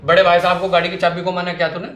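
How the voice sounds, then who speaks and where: Man as a fairly high-voiced young husband, stern and lecturing, family comedy skit, faint music behind. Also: completely flat delivery, rapid-fire, fairly bright tone. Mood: scolding. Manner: scolding, lecturing, insistent. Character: young husband, stern and loyal to his elder brother. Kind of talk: scripted family comedy scene.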